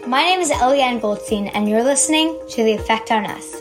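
A woman's voice: fairly high pitch, brisk. A woman hosting a podcast, reading a prepared introduction. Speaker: podcast host. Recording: podcast intro over music.

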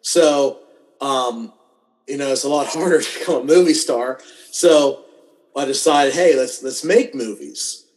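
A man's voice: mid-range voice, unhurried, darkish tone. Self-deprecating male guest on a call. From western Pennsylvania. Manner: self-deprecating, dry humor. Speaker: wedding videographer, guest. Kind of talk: casual interview storytelling. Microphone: video call.

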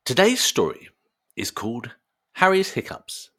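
Expressive woman narrating a kids' story. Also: extremely low pitch, a little slow. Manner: gentle, expressive.

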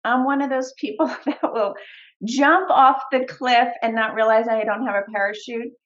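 A woman guest on a podcast, talking earnestly and warmly with occasional "um" fillers. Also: fairly high pitch, fairly even intonation, moderate pace, highs cut off. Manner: earnest and heartfelt, with hesitant fillers. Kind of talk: conversational interview answers.

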